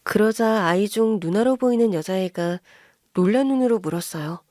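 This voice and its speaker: A woman's voice: mid-range voice, moderate pace, darkish tone, no echo, studio quality. A woman narrating a first-person story in a confiding storytelling manner for a story radio channel.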